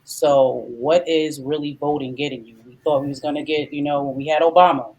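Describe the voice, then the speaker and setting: A woman's voice: deep voice, fairly even intonation, fairly quick, darkish tone, husky, lo-fi sound. A woman in her thirties, a guest in a podcast discussion, talking bluntly and emphatically. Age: 30s.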